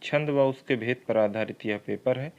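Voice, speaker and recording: A man's voice: mid-range voice, a little mellow, dull audio. A man teaching a Hindi grammar lesson for exam preparation, reading each question twice and working through it step by step. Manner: slow and methodical, repeats questions aloud.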